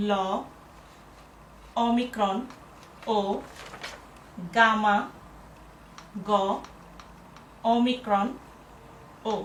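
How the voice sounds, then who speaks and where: A woman teaching a language lesson at a board, spelling words out slowly syllable by syllable. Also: a little high, a bit bright, slight background noise. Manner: slow, syllable-by-syllable explaining. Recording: echoey room, voice from a distance.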